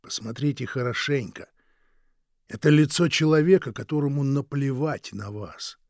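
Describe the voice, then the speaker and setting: A man voicing a harsh, cruel male revolutionary guard who sneers and barks orders slowly and with menace. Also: mid-range voice, a little mellow, no echo, clean studio sound, close to an everyday voice. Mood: sneering. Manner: sneering, commanding, drawn-out menace.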